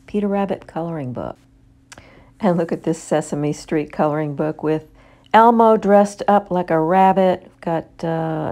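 A woman chatting casually through a store as she films with her phone, pausing often with ums and uhs. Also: lowish voice, warm tone. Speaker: shopping vlogger. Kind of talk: casual shop-with-me narration. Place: store aisle, handheld phone camera.

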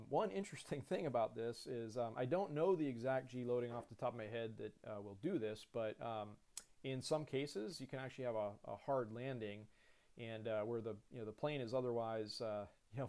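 Sharing his screen, a thirty-something airline pilot walks through cockpit controls in a laid-back lesson peppered with fillers and false starts. He has a gravelly, mid-range voice.

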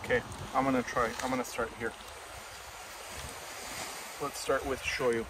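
Sex: man. Role: food vlog host. Style: casual, enthusiastic tasting chat. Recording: voice distant from the mic, loud outdoor noise. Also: mid-range voice, flat delivery, a little slow. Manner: enthusiastic, talks while eating.

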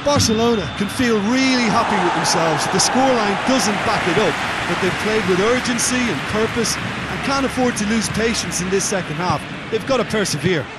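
A man giving measured, reflective co-commentary for a football video game. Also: high voice, animated. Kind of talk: video game match analysis. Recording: studio voice over loud crowd noise.

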